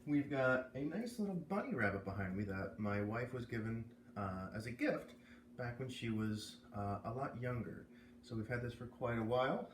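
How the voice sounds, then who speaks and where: With an expressive mid-range voice and a moderate pace, an American man hosts a children's novel read-aloud, mixing in casual asides as storyteller. The audio has a roomy echo and faint background noise.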